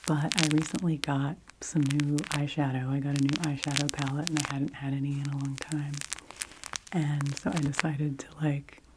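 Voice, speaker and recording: A middle-aged woman with a notably low voice talks in a soft, unhurried whisper, drifting through easy chatty asides. She is close on a sensitive microphone. A steady hiss sits clearly under her voice. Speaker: ASMR creator. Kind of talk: whispered ASMR rambling.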